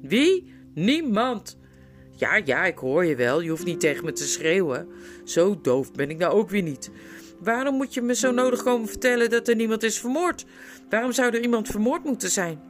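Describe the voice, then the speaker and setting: A woman's voice: medium pitch, big pitch swings, normal speed, soft background music, close to an everyday voice. A woman voicing an old, hard-of-hearing, irritable male dwarf who mishears everything. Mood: confused, testy. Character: old deaf cranky male dwarf regent.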